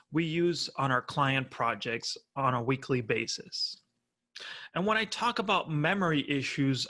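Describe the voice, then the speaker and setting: This conference speaker is an Argentine man in his thirties, speaking with an Argentine Spanish accent. His medium-pitched voice has a sharp tone as he gives a friendly, explanatory talk, prerecorded from home.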